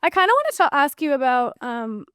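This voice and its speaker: A woman's voice: sits high, sing-song, brisk, fairly bright tone, dry recording, clean studio sound. A young woman hosting a casual podcast interview, chatty, giggly and playful. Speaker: podcast host.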